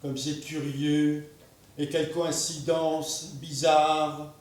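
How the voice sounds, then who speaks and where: A man playing a stiff, ceremonious gentleman. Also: fairly high pitch, little pitch movement, distant mic. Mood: formal, wondering. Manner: slow, ceremonious, repetitive politeness. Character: polite stiff gentleman, earnest, formal. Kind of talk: stage play performance. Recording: echoey room, miked from afar.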